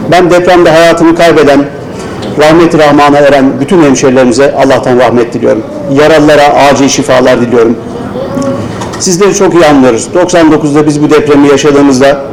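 A man's voice: mid-range voice, a little mellow, slight background noise, poor audio. Man speaking formally at a pulpit mic. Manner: formal, consoling, addresses dignitaries by title. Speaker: local official giving a ceremony speech. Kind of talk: formal ceremonial speech. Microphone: speaking at a pulpit microphone.

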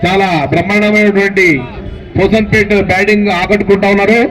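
High-pitched Telangana man commentating on cricket. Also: level tone, quick pace, fairly bright tone. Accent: Telangana Telugu. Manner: informal, chatty, addresses players directly. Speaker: local cricket match commentator. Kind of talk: live amateur cricket commentary. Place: outdoors at a local cricket ground. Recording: distant outdoor sound from the mic.

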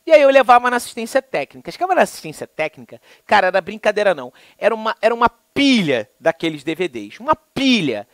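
A man with a Brazilian Portuguese accent teaching a law lesson in a lively, colloquial way, full of anecdotes and acted-out dialogue. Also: fast, few pauses, dry recording. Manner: lively, colloquial, acts out dialogue with swings in pitch. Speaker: law lecturer.

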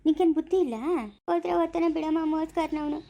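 A woman playing an older village mother who gives calm, firm advice to her daughter in low, steady tones. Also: rapid-fire. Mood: firm, consoling. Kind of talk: amateur family drama acting.

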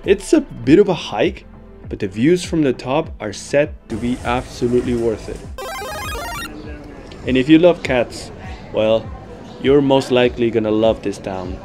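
A man's voice: medium pitch, animated, a little slow, long pauses. Easygoing young man narrating a travel vlog. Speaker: travel vlogger. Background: background music.

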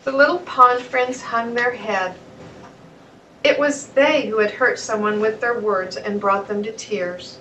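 A woman reading a children's storybook aloud in a plain, steady way. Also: fairly high pitch, unhurried, recorded from a distance, muffled recording, noisy background. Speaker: narrator.

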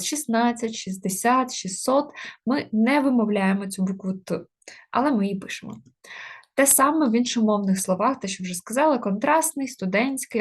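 Breathy woman teaching a grammar lesson. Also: a little high. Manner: explains step by step with many fillers. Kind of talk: exam-prep grammar lesson.

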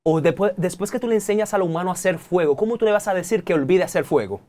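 A man in his thirties with a Dominican accent, a technology guest in a TV studio interview who talks in an animated, preachy way and keeps addressing the audience directly. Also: high-pitched, fast. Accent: Dominican Spanish. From Dominican Republic.

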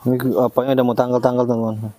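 A man vlogging as he feeds and looks after a baby animal, talking gently and coaxing it with repeated phrases. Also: medium pitch, flat delivery, very fast. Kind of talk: casual vlog narration.

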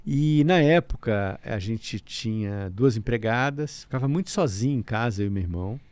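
A middle-aged man from Brazil, a guest telling a story in a casual interview, lively, with stammered restarts and bursts of laughter. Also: mid-range voice, normal speed, clean tone, dry recording. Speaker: guest, breathwork teacher.

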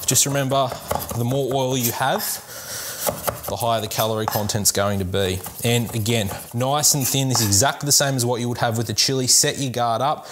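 A young man hosting a cooking lesson in a home kitchen, chatting casually and upbeat to viewers while he chops vegetables. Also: mid-range voice. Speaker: cooking show host, sports dietitian. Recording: kitchen clatter and chopping noise. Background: knife chopping on board, dishes clinking.

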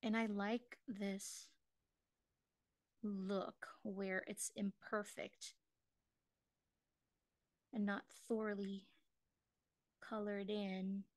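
Recorded dry in a clean studio, this middle-aged woman from the Philippines speaks at medium pitch in a level tone, extremely slowly, pausing often. As an online craft instructor leading a live drawing class, she chats with viewers, pokes fun at herself, laughs a lot, and sings bits of songs while drawing.

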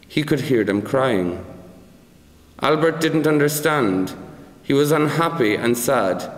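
A man reading a children's story aloud as narrator, careful and measured. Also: mid-range voice, lively intonation. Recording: echoey room with long reverb.

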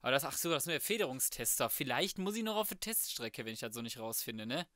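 A young let's player comments casually on his gameplay, thinking aloud and muttering to himself in slangy, colloquial speech. His voice is medium in pitch and a bit bright, with a sing-song lilt and a fast delivery. The studio recording is clean, with no echo.

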